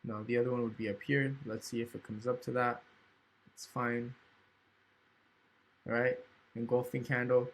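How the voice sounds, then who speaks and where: A man's voice: medium pitch, flat delivery, moderate pace, long pauses. Casual man talking through trade charts. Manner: casual, thinking aloud with frequent "right?". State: hiccups. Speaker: trading educator. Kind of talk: screen-recorded chart walkthrough.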